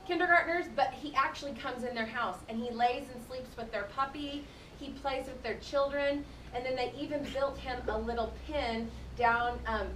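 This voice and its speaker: In an echoing classroom, a woman teacher reads to young kids, breaking off to explain points in plain, conversational words. She sounds far from the mic, her fairly high voice carrying a fairly bright tone over a low rumbling noise.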